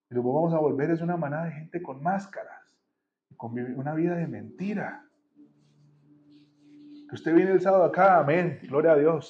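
A man's voice: fairly high pitch, warm tone, dull audio, a little hiss or hum. A man preaching a sermon in a church, blunt and colloquial with strong emphasis. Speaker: pastor. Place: church hall.

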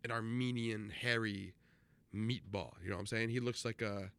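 A man's voice: lowish voice, fairly even intonation, normal speed, gravelly, fairly bright tone, clean tone, no room sound. A young man co-hosting a podcast, talking in a profane, joking and emphatic way. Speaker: podcast co-host. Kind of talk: casual chat.

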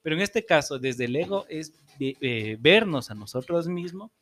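A man, a psychologist guest, explaining things in a calm, measured way on a podcast. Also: a little high.

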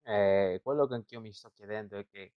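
A man's voice: fairly low pitch, normal speed, smooth, no echo. A man hosting a casual live-stream chat, asking probing hypothetical questions. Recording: dull, dry lo-fi mic.

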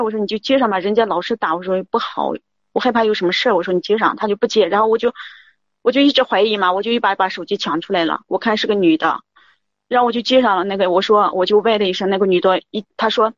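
A woman's voice: mid-range voice, quick pace, dry recording, lo-fi sound. A woman calling in to tell her story in a rambling, confiding way, repeating "I said" again and again. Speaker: caller. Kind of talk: confiding call-in account.

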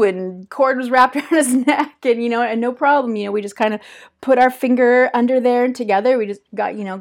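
A woman's voice: on the high side, darkish tone. Rambling woman telling a personal story. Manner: rambling, many fillers and restarts, laughs often. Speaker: podcast host.

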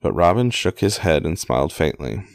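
Casual male reader, very low and gravelly, halting, with offhand asides. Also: sing-song, no room sound, clean studio sound. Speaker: amateur reader. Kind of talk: casual read-aloud storytelling.

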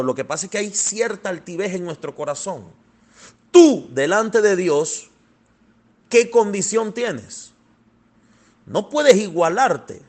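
High-voiced preacher guy, goes soft then thunders, super animated. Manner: fervent, addresses listeners as "amado"; swings between soft and thundering. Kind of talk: sermon.

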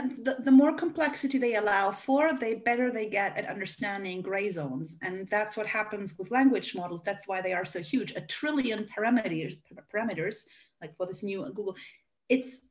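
Hungarian-accented woman explaining. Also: mid-range voice. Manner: explanatory, emphatic. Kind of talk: casual discussion.

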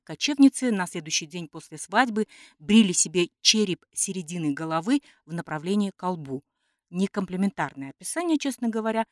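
A woman co-hosts a conversational podcast, discussing topics and reading out quotations, sometimes hesitating as she searches for words. Her voice sits on the low side, and the studio recording is clean with no echo.

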